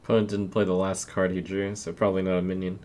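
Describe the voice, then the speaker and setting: A man's voice: low-pitched, completely flat delivery, fast, a little hiss or hum. A man giving casual, understated commentary on a video game, thinking aloud as he plays. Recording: loud game music behind voice. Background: video game music.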